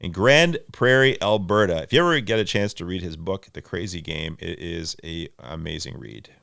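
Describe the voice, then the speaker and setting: Man, podcast co-host, animated, very lively pitch, smooth voice, dry sound. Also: moderate pace, no echo. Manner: animated, bursts into loud shouts of segment names. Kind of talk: casual sports chat.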